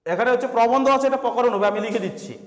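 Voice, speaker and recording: A man's voice: extremely high pitch, quick pace. A male teacher going over exam questions, asking rhetorical questions and repeating each answer. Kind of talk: exam revision lesson. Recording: echoey room with long reverb.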